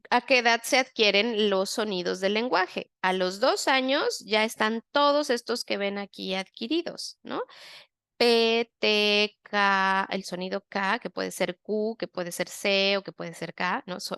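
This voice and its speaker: A woman's voice: mid-range voice, vocal fry, fairly bright tone, clean tone, no echo, studio quality. A woman language therapist, giving a step-by-step masterclass and often checking in with her listeners. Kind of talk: explanatory masterclass.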